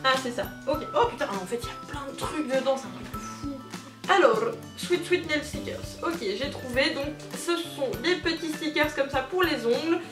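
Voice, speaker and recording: A bubbly young woman chats through an unboxing, gushing over each item and poking fun at herself. Her voice sits high, and she sounds a bit far from the mic in a roomy space, with music playing behind her. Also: lively intonation, normal speed. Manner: bubbly, gushing, self-mocking, with many fillers. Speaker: unboxing video host. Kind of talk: casual unboxing chat.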